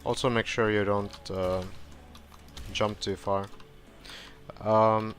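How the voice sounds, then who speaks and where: A gameplay tutorial streamer with a low, hoarse voice walks through a game slowly and casually, explaining as he goes. He's relaxed and rambling, using lots of fillers and correcting himself, and he clears his throat.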